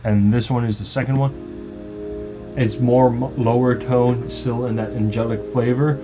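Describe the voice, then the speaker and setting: Male producer, mid-range voice, explains his track in a loose, casual tutorial manner over quiet music. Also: mid-range voice, little pitch movement, moderate pace. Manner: loose, informal explaining with restarts. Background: faint music playing.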